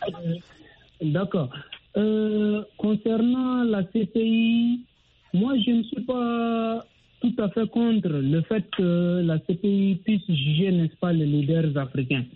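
Formal man calling in by phone. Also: high-pitched. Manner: formal, with many pauses and repeated "n'est-ce pas". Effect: phone line. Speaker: radio call-in listener. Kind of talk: call-in opinion on a radio show. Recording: tinny phone line with faint noise and clicks.

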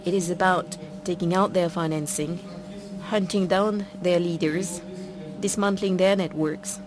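A woman interpreter giving a formal translation voice-over of a leader's statement in measured, clipped phrases. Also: on the low side, steady tone. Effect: simultaneous translation voice-over of a speech.

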